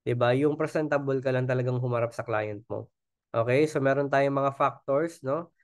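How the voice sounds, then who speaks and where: A mid-range-voiced Filipino man runs a casual sales training in Taglish at a moderate pace, recorded dry in studio quality. Chatty and coaxing, he keeps asking his audience "di ba?"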